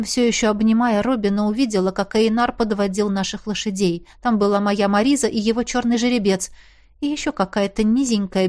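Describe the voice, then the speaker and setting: A woman's voice: medium pitch, darkish tone. A woman reading a fantasy romance audiobook in the first person, with an emotional, urgent manner. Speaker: audiobook narrator.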